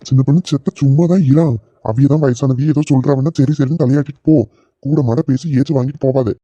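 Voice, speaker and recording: A man's voice: medium pitch, steady tone, brisk, dark tone, dry recording, dull audio, natural voice. A man voicing a placating young village husband, in a cartoon. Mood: pleading. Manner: pleading, peacemaking. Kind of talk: cartoon voice acting.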